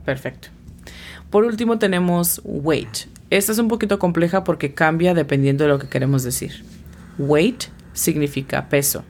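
A woman's voice: deep voice, normal speed, darkish tone, a little hiss or hum. A woman teaching an English lesson who patiently spells out each word's pronunciation letter by letter. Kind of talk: scripted language lesson.

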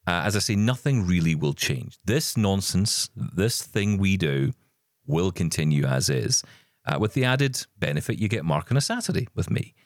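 In a relaxed, rambling podcast chat, a deep-voiced male co-host talks at a moderate pace, his pitch swinging freely in an upbeat, easygoing way. The recording is close and dry, with no room sound at all.

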